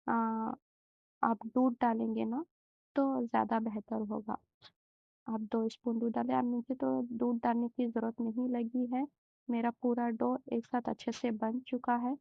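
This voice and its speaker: A young woman talks through a recipe slowly and gently, pausing often. Her fairly high voice stays flat and carries a gravelly fry. The recording is dry and muffled, as if from a home kitchen. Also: dry recording. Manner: slow, gentle, many hesitations. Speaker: home cooking channel host. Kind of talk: step-by-step recipe demonstration.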